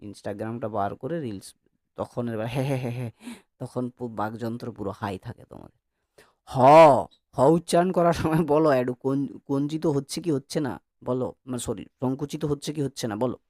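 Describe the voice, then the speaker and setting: A man's voice: medium pitch, a little fast, dark tone, no echo, studio quality. A male teacher giving a classroom lecture who coaxes his students to answer and demonstrates sounds by repeating them.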